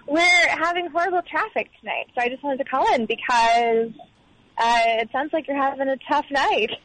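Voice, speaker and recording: A woman's voice: high voice, normal speed, long pauses, fairly bright tone. A woman calling in on a phone line from a car, chatting in an upbeat way. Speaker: caller. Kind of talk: casual chat.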